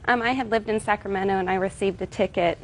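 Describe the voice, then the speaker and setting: A woman with an American accent testifying as a plaintiff, explaining in a measured, hesitant way. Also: medium pitch, fairly even intonation, rough recording. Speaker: plaintiff in TV small-claims court. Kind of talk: courtroom testimony. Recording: TV courtroom with faint noise.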